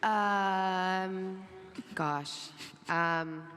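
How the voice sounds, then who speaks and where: An Australian woman actor on a convention panel, talking hesitantly with many pauses and ums. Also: mid-range voice, fairly even intonation, fairly bright tone. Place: large convention hall. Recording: hall reverb, faint noise.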